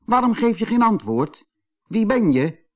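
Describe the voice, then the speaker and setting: A man voicing a cheeky, boastful young male rabbit trickster in a storybook, squeaky and bossy. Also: sing-song, unhurried. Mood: puzzled, indignant. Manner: squeaky, bossy and pleading by turns.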